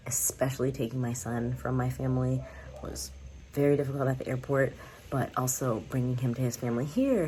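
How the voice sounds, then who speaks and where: In a rough recording with a slight hiss or hum, a young vlogger from the US chats casually to her viewers on camera. She rambles and laughs a lot, and her bass voice sounds mellow.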